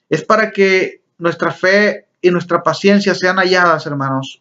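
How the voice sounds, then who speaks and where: A man's voice: fairly high pitch, fairly bright tone. A man teaching a Bible lesson, often calling his listeners brothers and asking them rhetorical questions. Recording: dull lo-fi recording.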